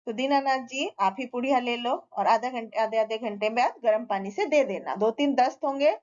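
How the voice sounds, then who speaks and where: A woman voicing a calm, reassuring male village healer, in a slightly dull recording. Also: on the high side, normal speed, lightly acted.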